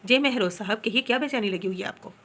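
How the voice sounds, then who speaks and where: A mischievous young woman teases and pleads in an audiobook, as a woman narrator puts her on. Her voice is bright and lively. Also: a little high, fast talker. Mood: teasing. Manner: teasing, then pleading.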